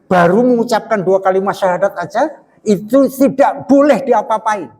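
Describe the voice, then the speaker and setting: A man's voice: high-pitched, moderate pace, darkish tone, soft background music. An older man with a Banyumas Javanese accent giving a religious study talk, folksy and joking, acting out bits of quoted dialogue. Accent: Indonesian, Javanese Banyumas. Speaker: preacher. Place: mosque study hall. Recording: long hall reverb.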